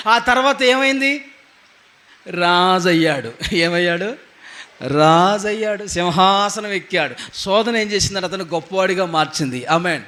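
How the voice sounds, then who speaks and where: High-voiced preaching pastor, emphatic. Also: male voice, sharp tone. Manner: emphatic preaching, asks the congregation rhetorical questions and answers them; punctuates lines with hallelujah and amen. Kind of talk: sermon.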